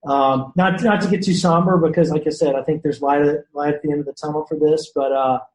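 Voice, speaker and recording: A man's voice: on the high side, a little fast, slight background noise. A man from the Shreveport area of Louisiana, a podcast guest telling casual stories with lots of fillers and restarts. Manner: animated storyteller, many fillers and restarts. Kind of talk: casual storytelling chat. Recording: roomy echo.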